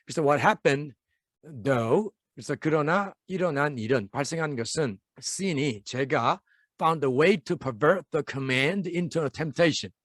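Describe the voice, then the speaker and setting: A man explaining Bible verses word by word as an English lesson, reading the English phrases slowly and carefully. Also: a little high, fairly bright tone, no echo, clean studio sound.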